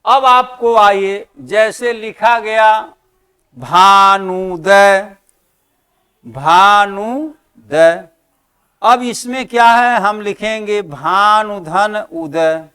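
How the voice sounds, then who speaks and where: A male teacher giving an exam-prep lesson, asking the class questions and answering them himself, and repeating key terms slowly for emphasis. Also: sits high, pushed and bright, clean tone.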